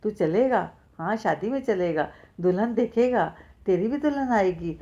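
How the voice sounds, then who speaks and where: A woman reading the part of a kindly older mother-in-law who talks gently and coaxingly. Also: mid-range voice, lively intonation, moderate pace, dull audio, natural voice. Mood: doting.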